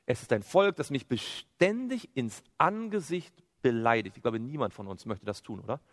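A man's voice: mid-range voice, normal speed. A man preaching a sermon, quoting scripture and firing off rhetorical questions that he answers himself. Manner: animated, asks rhetorical questions and answers them; quotes scripture. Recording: long hall reverb.

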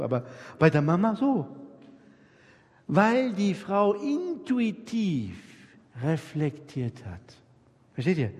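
A man preaching a sermon to his congregation, animated, acting out everyday dialogues and speaking straight to his listeners. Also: on the high side, husky. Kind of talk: lively sermon. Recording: long reverb of a hall.

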